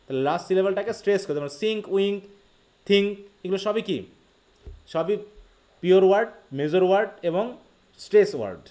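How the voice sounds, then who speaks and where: A man with a Bangladeshi accent teaching a live online literature class. He explains quickly, reads English passages slowly and keeps asking his students questions. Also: high voice, animated, warm tone. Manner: quick Bengali explanation, slow read-aloud English quotes, frequent questions to students.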